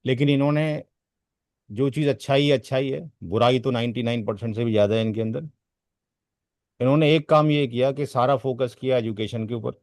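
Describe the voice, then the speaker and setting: A man teaching a networking class, speaking at a medium pitch for a man. He drifts off topic, repeats words to drive a point home and throws rhetorical questions at his students. The recording is dry and close. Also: fairly quick, darkish tone, dry recording. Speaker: networking trainer. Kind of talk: classroom lecture.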